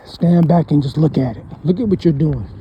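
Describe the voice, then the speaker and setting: A man in his thirties, a vlogger, gives a casual, rambling motivational talk with a fairly quick, somewhat high voice. He often ends lines with "man" and "you know what I'm saying." The lo-fi recording has slight background noise.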